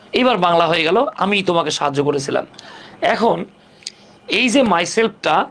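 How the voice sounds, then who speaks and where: A man teaching English grammar in a casual, step-by-step way, asking rhetorical questions and joking in colloquial speech. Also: high-pitched. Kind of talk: casual classroom lesson.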